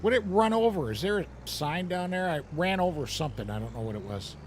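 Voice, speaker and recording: This gaming streamer from the United States has a fairly high, lively voice and talks fairly quickly while playing a farming game on stream. His commentary rambles and turns self-mocking with chuckles, over a faint hiss or hum.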